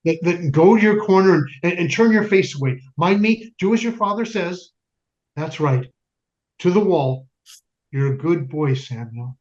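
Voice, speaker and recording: Performing a dramatic stage monologue as a father mourning in wartime, a man speaks with lively intonation, weighty phrasing and many pauses, his tone both tender and stern and his mood urgent. His pitch runs slightly high for a male voice. It's a muffled, dull lo-fi recording with music in the background.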